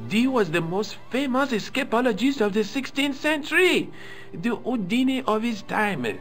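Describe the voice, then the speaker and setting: Snooty museum guard, high voice swooping all over, full of himself. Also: male voice, lively intonation, moderate pace, a bit bright, soft background music. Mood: haughty. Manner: haughty, theatrical, self-important. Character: pompous fussy French male museum deputy custodian. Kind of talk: video game voice acting.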